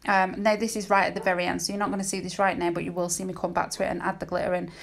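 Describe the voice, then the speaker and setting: A woman's voice: on the low side, little pitch movement, racing, creaky. A British woman giving a casual, chatty voice-over tutorial as a nail technician, candid and rambling, often interrupting herself. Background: dogs barking at times.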